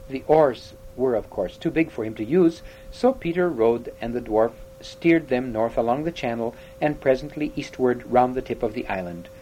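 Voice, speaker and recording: A man reading a children's novel aloud in steady, unhurried storytelling, with small slips and restarts. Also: mid-range voice, slight background noise, poor audio. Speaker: audiobook reader.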